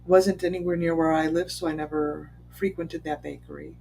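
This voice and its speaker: A Chicago-area commentator on bias gives unscripted, conversational remarks packed with rhetorical questions, frequent ums, and restarted phrases. The mid-range voice is steady, mellow, and fairly quick with vocal fry, and a little hiss or hum is present.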